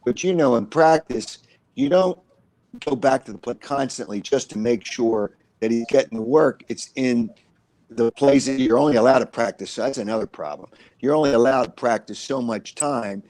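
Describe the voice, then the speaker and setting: A man's voice: medium pitch, darkish tone, no room sound, low-quality recording. A man talking through football analysis as a co-host, rambling and repeating himself with frequent uhs. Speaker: sports co-host. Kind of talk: casual sports analysis chat.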